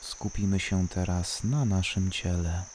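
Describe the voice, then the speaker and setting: A calm, soothing voice guiding a body-scan relaxation, unhurried and leaving long pauses between short instructions. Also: sits low, slight background noise. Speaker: guided relaxation narrator. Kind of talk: slow guided body-scan meditation.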